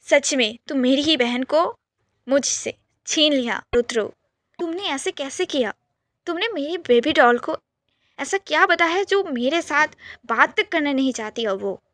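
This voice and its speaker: Storybook brother, played by a woman: loud mock outrage, playful teasing, high dry voice. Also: animated, a little slow, no echo. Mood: teasing, mock-indignant. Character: teasing protective young adult brother.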